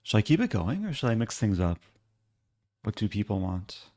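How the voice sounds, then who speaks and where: A man giving casual live commentary as a chess streamer, low-key and thinking aloud in short fragments. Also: big pitch swings, moderate pace, a little mellow.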